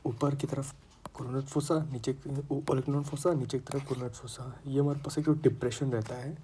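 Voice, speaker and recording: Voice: medium pitch, steady tone, a little slow, mellow, slight background noise, poor audio. An anatomy tutor with a sore throat, giving a casual online lecture in a chatty way and repeating terms for students.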